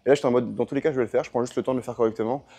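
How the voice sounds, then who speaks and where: A man's voice: mid-range voice, fairly even intonation, rapid-fire, mellow, slightly rough. A young man chatting casually in a rambling gym vlog, worn out after a long training session. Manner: chatty, rambling, self-correcting. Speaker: powerlifting vlogger.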